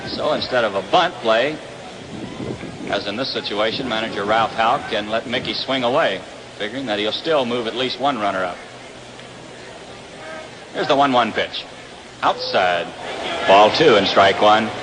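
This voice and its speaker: On a noisy 1960s radio broadcast, an American-accented man calls live baseball play-by-play from an outdoor ballpark with loud ambient crowd noise behind him. His voice runs on the low side, at a normal speed, with frequent pauses.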